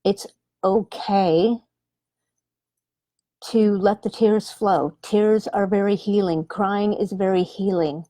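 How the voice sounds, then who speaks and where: A woman in her forties, a medium on a live stream, speaking gently with many pauses and ums. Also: medium pitch, steady tone, no echo, clean studio sound. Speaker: animal communicator and medium. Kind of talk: live-stream chat with viewers. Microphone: webcam or phone livestream.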